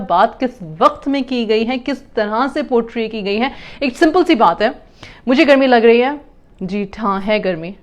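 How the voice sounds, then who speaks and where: A woman explaining communication to parents, mixing in English terms and acting out example lines. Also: on the high side.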